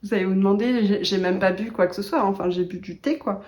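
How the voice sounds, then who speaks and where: A woman's voice: medium pitch, fast, darkish tone. Woman, yarn-shop knitter, casual vlog chatter: chatty, self-mocking, laughs a lot, lots of hesitations.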